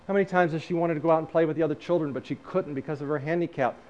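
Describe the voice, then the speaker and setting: Lively middle-aged man telling a story. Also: on the high side, racing. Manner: lively storyteller who acts out quoted dialogue. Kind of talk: personal storytelling talk. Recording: slightly dull recording with faint background noise.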